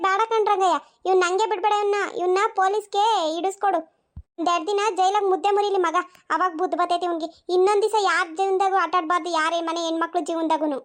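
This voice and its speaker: Brief: woman voicing an outraged village woman in a cartoon, rapid high lecturing. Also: fairly even intonation. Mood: angry. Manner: indignant, lecturing. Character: angry village woman demanding punishment.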